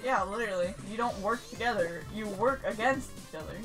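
A young woman with a tired, hoarse voice, teasing and joking while playing a game. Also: mid-range voice, brisk, music in the background. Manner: teasing, laughing, loud outbursts. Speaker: co-host gamer. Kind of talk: casual gaming banter.

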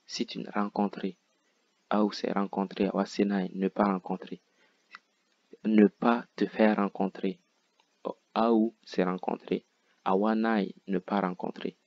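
Slow low gravelly teacher. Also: male voice, a little mellow, dry recording, dull audio. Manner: slow, repeats and breaks down Japanese words. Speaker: Japanese teacher. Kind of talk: explaining game dialogue line by line.

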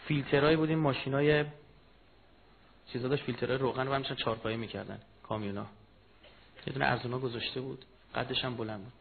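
A man giving a mourning sermon, telling a personal story, moving from low murmured storytelling to loud impassioned rising cries. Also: steady tone, creaky, pauses often. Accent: Persian of Iran. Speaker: religious speaker. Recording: tinny phone-like recording with faint noise.

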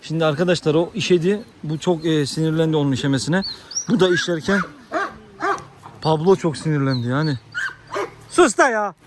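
A man vlogging outdoors on a rural farm, excitable and talking soothingly to dogs. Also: fairly high pitch, fairly quick, noisy background. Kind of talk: casual outdoor vlog with dogs.

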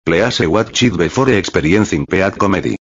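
A man's voice: sits low, expressive, normal speed. A man reading a short scripted introduction to a video. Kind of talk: scripted narration. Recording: muffled lo-fi mic with clicks, noise.

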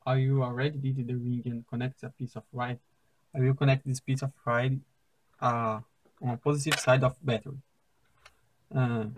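Young brazilian guy explaining a diy circuit, slow and halting english, mid-pitched voice. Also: rough recording. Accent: Brazilian Portuguese. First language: Portuguese. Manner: halting, careful non-native English with pauses and restarts. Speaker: science fair project demonstrator. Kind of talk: step-by-step how-to explanation. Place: indoors at a wooden table.

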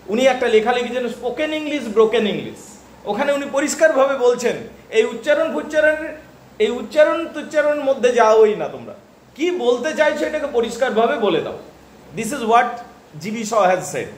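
High-voiced Bengali male teacher, echoey. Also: slight background noise. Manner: keeps checking if students follow. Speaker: English literature teacher. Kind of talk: classroom lecture.

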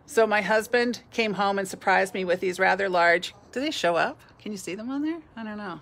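A middle-aged woman hosting a casual live stream from her bead store, chatty and quick to laugh, greeting viewers by name. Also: mid-range voice, vocal fry, fairly bright tone.

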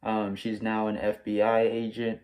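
A man's voice: lowish voice, monotone, normal speed, a little mellow. A young American man casually reviews a movie in an enthusiastic, slangy way, speaking through a face mask. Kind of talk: casual spoiler-free video review. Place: small room at home, indoors.

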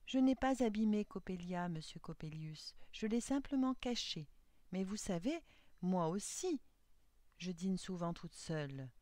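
A bold young village woman in a storybook tale, voiced by a woman narrator. She speaks in a lively, mocking way with a voice that leaps up and down. Close, dry sound. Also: medium pitch, unhurried, no room sound, close to an everyday voice. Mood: gentle.

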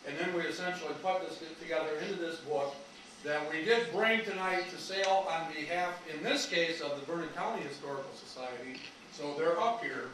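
Male speaker, 60s, American Midwestern, projected coach's voice, slightly high, folksy public talk, very echoey room. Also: far from the mic. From rural Wisconsin, USA. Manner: informal, folksy, rambling asides. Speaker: lecturer, retired history teacher. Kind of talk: informal public talk to a live audience. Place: community meeting room, indoors. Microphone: no microphone, picked up from across the room. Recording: echoey room from afar, faint noise.

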